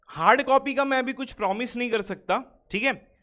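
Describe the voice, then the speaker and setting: High-voiced man teaching online. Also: moderate pace, sharp tone. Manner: teasing, chatty, reacts to student comments. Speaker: online exam-prep teacher. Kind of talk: live online class, Hindi-English mix.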